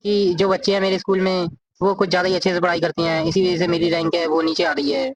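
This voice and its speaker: A man retells a comic story at a fast clip, stringing events together in long run-on sentences. His voice sits a little high for a man. He reads the characters' lines aloud without stopping for breath. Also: little pitch movement, dull audio. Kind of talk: casual story recap narration.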